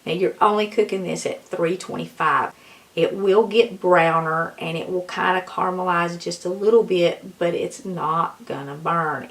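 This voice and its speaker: A woman gives a folksy, casual cooking tutorial in a hoarse voice that is giving out. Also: fairly low pitch, slight background noise. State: hoarse, losing her voice. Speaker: home cook presenting a recipe.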